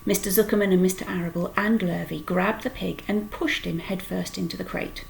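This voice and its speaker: Gravelly woman reading a children's story. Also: fairly low pitch, fairly quick, slight background noise, rough recording. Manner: expressive storytelling. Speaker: storytime reader. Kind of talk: reading a children's book aloud.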